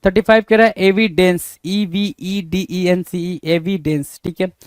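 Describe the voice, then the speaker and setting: High-voiced man spelling out words. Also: fairly even intonation, a little slow, no room sound, studio quality. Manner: repetitive, rhetorical questions, calls students "bhai". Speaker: English spelling teacher. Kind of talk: exam prep lesson, spelling out words letter by letter.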